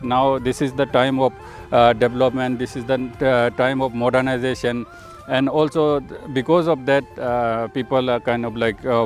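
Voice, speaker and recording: Man, interviewee, very slow hesitant speech, fillers, soft music behind. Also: mid-range voice. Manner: halting, many fillers. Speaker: interviewee, NGO founder. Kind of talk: interview answers in English.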